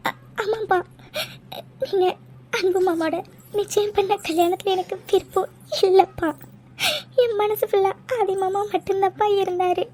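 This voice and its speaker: A woman's voice: very high-pitched, fairly even intonation, normal speed, pauses often, warm tone. A woman voicing a young daughter who is a bride, talking through tears and stammering in a cartoon drama. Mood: tearful. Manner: crying, pleading, stammering. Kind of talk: cartoon voice acting.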